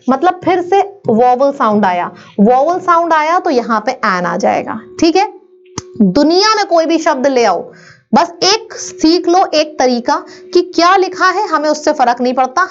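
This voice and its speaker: Woman teacher, high voice, slightly muffled lo-fi recording, quizzing and answering herself. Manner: drills students, asks and answers own questions. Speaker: English grammar teacher. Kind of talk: online grammar lesson.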